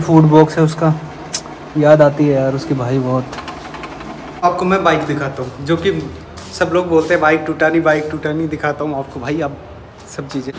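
A man's voice: a little high, darkish tone, slight background noise. Chatty young man vlogging at home. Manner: chatty, walking viewers through things at home. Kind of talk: casual vlog talk to camera. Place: at home, indoors and by a parked bike.

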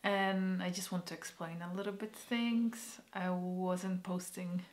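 A young woman from Poland, giving a personal vlog update in a halting, hesitant way that often drops to a soft near-whisper. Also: lowish voice, steady tone. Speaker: vlogger.

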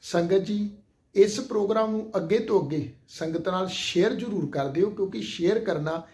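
A man with a Punjabi accent teaching how to pronounce scripture, reciting verses slowly and repeating single words syllable by syllable. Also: sits high, darkish tone. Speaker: Gurbani pronunciation teacher. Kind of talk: slow recitation lesson.

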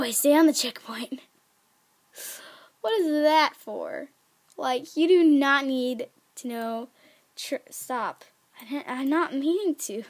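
A woman giving casual, excitable commentary while playing a game, chatty and prone to squeals. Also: sits high. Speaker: gaming video creator.

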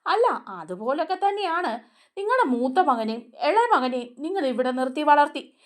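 A woman voicing a drunk, hurt son who pleads slowly and tearfully about being left out. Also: high-pitched, sing-song, pitched above the performer's own voice. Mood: hurt, pleading. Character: grieving drunk man, hurt middle son.

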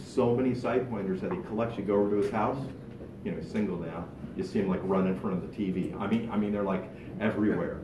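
A middle-aged man speaks animatedly and casually to a club gathering, his voice on the low side. He is recorded from across a large meeting room, so the sound is distant and roomy with steady background noise. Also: fast. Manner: animated, gestures a lot while talking. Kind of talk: informal talk to a fishing club. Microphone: far camera, no mic. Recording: echoey room from far off.

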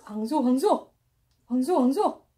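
A woman's voice: sits high, animated, a little slow, background noise. A young mother in her home, narrating play with her baby in a cooing, exclamatory, sing-song way. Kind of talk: playful parenting vlog narration. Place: home indoors.

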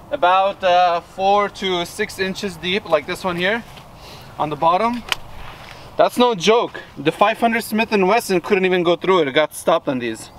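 Man in his thirties, high-voiced vlog host, excitable, recorded outdoors with faint background noise. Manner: excited, laughing often. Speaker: video host. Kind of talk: casual vlog commentary. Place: outdoors in an orchard.

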